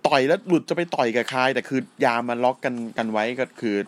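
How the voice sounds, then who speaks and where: A man's voice: mid-range voice, fast. Profane young man chatting on a podcast. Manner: profane, animated retelling with rough slang. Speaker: podcast co-host. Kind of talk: casual crude chat about wrestling.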